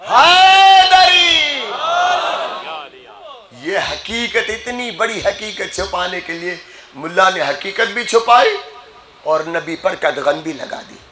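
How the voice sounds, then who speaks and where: A man preaching a Muharram majlis sermon, going from calm explanation to impassioned shouting. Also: sits high, measured pace, noisy background. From Sindh, Pakistan. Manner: rising to impassioned shouting, switches between Urdu and Sindhi. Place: majlis gathering hall. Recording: echoey gathering hall.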